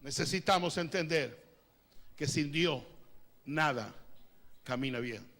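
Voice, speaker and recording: Male pastor, high voice, preaching with sudden drops to a hush, speaks in tongues. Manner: swings from loud preaching to hushed, drawn-out lines. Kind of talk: sermon. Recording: long hall reverb.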